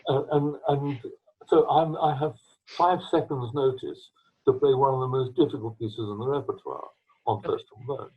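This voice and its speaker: Older man, husky and breathy, rambling storyteller; tinny video-call sound. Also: medium pitch. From England. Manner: rambling, halting anecdotes with restarts and throat-clearing. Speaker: retired trombonist, interviewee. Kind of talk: storytelling interview. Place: at home.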